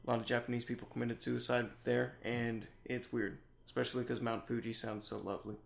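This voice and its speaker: A man's voice: mid-range voice, level tone, fairly quick, vocal fry. Laid-back young man, rambling chat. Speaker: co-host. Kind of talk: casual chat.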